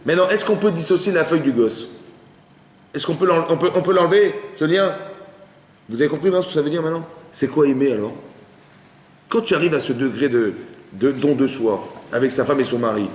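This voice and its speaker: A man teaching an informal Torah class to an audience, lively and conversational, often asking whether his listeners follow. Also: a little high, fairly quick. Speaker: rabbi. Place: study hall with audience. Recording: roomy hall with long reverb.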